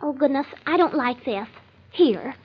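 A nervous, prim wife in an old radio comedy. Her voice is high, earnest and fretful, stubbornly insistent. It comes through a dull, lo-fi vintage recording. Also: animated, measured pace.

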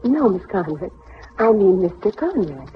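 An actress playing a brisk, polite hospital nurse in a 1940s radio drama. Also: female voice, medium pitch, big pitch swings. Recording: dull 1940s radio recording.

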